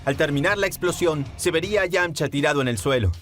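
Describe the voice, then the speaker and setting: A man with a fairly high voice telling a fan story in steady, dramatic narration. Faint music runs beneath his voice throughout. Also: fast talker.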